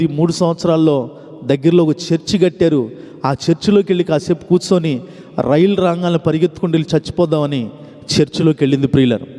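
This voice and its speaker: Male pastor, fairly high but mellow voice, dramatic sermon storytelling, long hall reverb. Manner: dramatic storytelling, addresses congregation, voices the characters.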